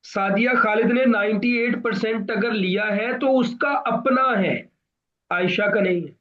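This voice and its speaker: Pakistani guy coaching an online class, high voice, slow and careful, kinda dull lo-fi sound. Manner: deliberate, explanatory, addresses students directly. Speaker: interview coach.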